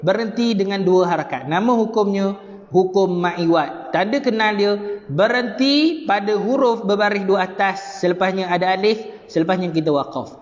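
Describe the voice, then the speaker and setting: A Malaysian man with a high voice leads a live Quran reading class, going over each rule again and again and drawing out the verses in a slow chant. The sound is dull and muffled, with a long echo trailing behind his words. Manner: explains rules step by step, repeats phrases, addresses viewers directly; chants verses slowly and drawn out. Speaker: Quran recitation teacher. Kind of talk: live online tajwid lesson.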